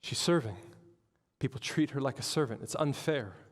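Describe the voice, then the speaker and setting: Pastor preaching in a reverberant hall. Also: male voice, mid-range voice, moderate pace. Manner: animated storytelling with acted-out quotes. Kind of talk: sermon. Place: church hall.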